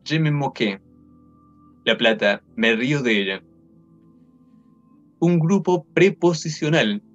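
A young man slowly reading an academic linguistics text aloud word for word, carefully sounding out foreign example sentences, recorded at his desk on a webcam. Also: mid-range voice, a bit bright, muffled recording. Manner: slow, measured, reads foreign examples carefully. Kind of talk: slow verbatim reading of a textbook.

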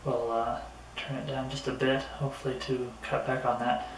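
Talking to camera from a table in a small indoor room, a middle-aged man unboxes and reviews gear in an easygoing, gentle way. His pitch stays mostly even. Because the camera is a few metres away, the audio is roomy, echoey, and carries clear noise.

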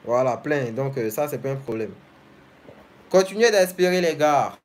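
A man's voice: mid-range voice, animated, moderate pace, a little hiss or hum. A young man hosting a casual live stream, reading viewers' comments aloud and answering each one directly and familiarly.

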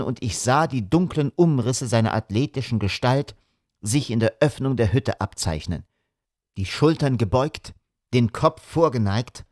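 Male audiobook narrator; measured, atmospheric, mid pitch, dry close recording. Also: a little mellow, no echo. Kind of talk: scripted dramatic narration.

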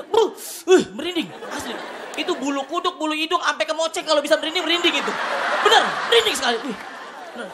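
A man from Jakarta with a colloquial Jakarta accent, performing a loud, excitable stand-up routine on a TV studio stage, bursting into shouted punchlines. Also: very high voice, noisy background. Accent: Jakarta colloquial Indonesian. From Tanjung Priok, Jakarta, Indonesia. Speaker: stand-up comedian. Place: TV studio stage with live audience. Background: audience laughter.

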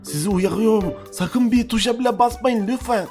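A woman's voice: a little high, normal speed, a little mellow, voice pushed down, close to an everyday voice. A woman voicing a polite, cautious male arcade repairman who keeps warning about danger, with faint music behind.

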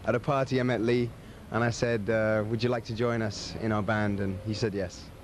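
A man in his twenties, born in London, telling a story in a relaxed interview. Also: lowish voice, moderate pace, slight background noise. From England. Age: 20s. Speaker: pop singer. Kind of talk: casual interview answers.

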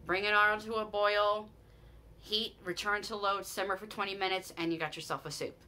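A vlogger in her forties with a Utah American accent chats enthusiastically to camera about a shopping haul from a small room at home, restarting often and saying "you guys" a lot. Her mid-range voice keeps a steady, sharp tone at a normal speed.

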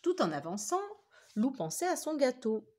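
A woman teacher reading a children's story aloud with animated, expressive storytelling. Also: high voice, normal speed.

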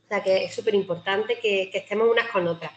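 A woman's voice: mid-range voice, fairly even intonation, fast talker, muffled recording, slight background noise. Chatty Spanish woman giving an online talk. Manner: chatty, warm-hearted, frequent "¿no?" tags and restarts. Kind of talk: informal talk to a breastfeeding group. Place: video call.

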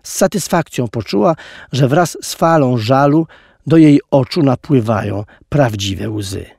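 Animated male audiobook narrator. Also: mid-range voice, a little slow, creaky, husky, no echo, studio quality. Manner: expressive, animated storytelling. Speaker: audiobook reader.

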